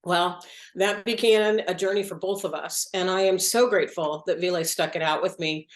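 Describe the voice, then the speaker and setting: A woman's voice: lowish voice, steady tone, moderate pace, reverberant. A woman, a museum director, introducing an artist and thanking supporters. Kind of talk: introducing a speaker.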